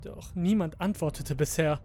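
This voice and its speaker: A narrator reading a horror story in a hushed, scripted storytelling manner. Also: mid-range voice, normal speed, faint music behind.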